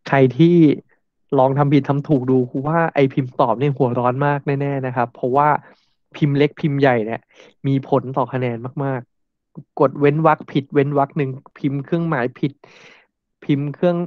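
A man's voice: mid-range voice, fairly even intonation, normal speed, no echo, highs cut off. A man teaching a classroom grammar lesson, explaining step by step and repeating examples.

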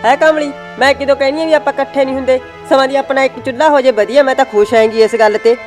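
A woman's voice: high voice, steady tone, very fast, faint music behind, lightly acted. A performer playing a kind farm wife who comforts her sister-in-law. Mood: comforting. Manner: warm-hearted, comforting.

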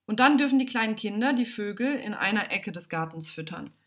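A woman telling a children's story aloud, animated and dramatic, on a home livestream. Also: medium pitch, brisk.

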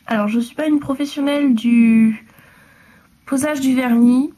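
A young beauty vlogger with a stuffy nose chats casually through a nail tutorial at home, talking through her nose from congestion. Her voice sits high, a little slow and mellow, and she's hesitant, dropping to murmurs as she works.

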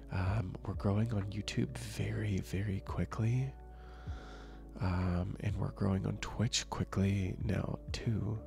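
A young man who streams games, chatting softly and slowly with viewers in a soft-spoken ASMR style into a close mic. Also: fairly low pitch, creaky. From northern region. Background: soft relaxing music.

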